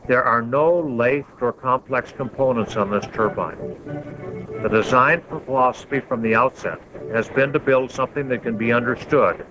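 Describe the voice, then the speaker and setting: A man reading scripted promotional narration for an infomercial in a measured, explanatory way. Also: medium pitch. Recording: dull lo-fi, faint background noise.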